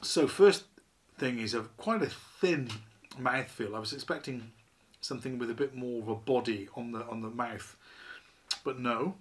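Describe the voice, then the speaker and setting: Sitting at a table a short distance from the camera in a small living room, a man in his fifties reviews a beer. His medium-pitched talk is chatty and rambling, full of ums and you-knows, and he pokes fun at himself.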